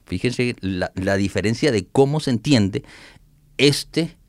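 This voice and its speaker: A man, explaining and reading Bible verses in an animated, conversational way. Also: medium pitch, slow, no echo, studio quality. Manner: animated explainer, reads scripture aloud, laughs often. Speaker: Bible teacher guest.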